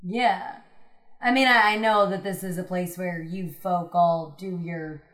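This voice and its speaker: A woman's voice: on the low side, fairly even intonation, measured pace, a bit bright. Woman playing a tabletop game. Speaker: player.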